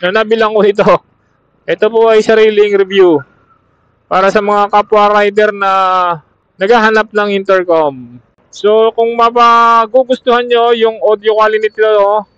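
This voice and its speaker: Out on the road on his motorcycle, a motovlogger with a Filipino accent reviews gear and chats casually with other riders. His voice is high-pitched, fairly bright and clean. The audio is dull and muffled, captured by a helmet intercom over Bluetooth that serves as an external camera mic.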